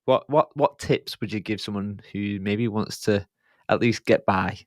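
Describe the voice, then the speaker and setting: A man's voice: lowish voice, unhurried, dry recording, studio quality. A man hosting a podcast, asking questions in a chatty, jokey, self-deprecating way. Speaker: podcast host. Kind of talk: casual conversational interview.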